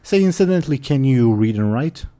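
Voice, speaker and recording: A man's voice: mid-range voice, animated, brisk, mellow, voice pushed up, lightly acted. Man playing an oily, scheming Grand Vizier. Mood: calculating, dismissive. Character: haughty, scheming male Grand Vizier at a royal court.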